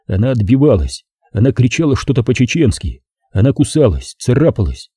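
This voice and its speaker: Male narrator, audiobook, very dark husky voice, lively intonation, dry close recording. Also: medium pitch, brisk, no echo. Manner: expressive storytelling with acted dialogue. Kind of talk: first-person audiobook narration.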